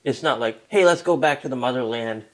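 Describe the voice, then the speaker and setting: A man's voice: mid-range voice, brisk. A young man, talking casually as a podcast guest, rambling with restarts and fillers. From Taiwan.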